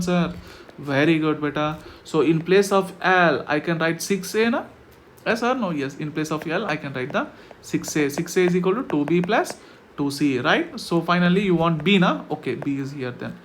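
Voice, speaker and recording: Male maths tutor, Indian accent, high voice, explains step by step with constant check-in questions; faint noise behind. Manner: repetitive checking questions with tag words. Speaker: maths teacher.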